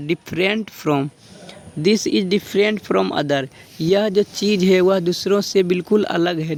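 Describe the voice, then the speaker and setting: A man teaching an exam-prep grammar lesson, drawing out example sentences slowly as he dictates them. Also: high voice, creaky.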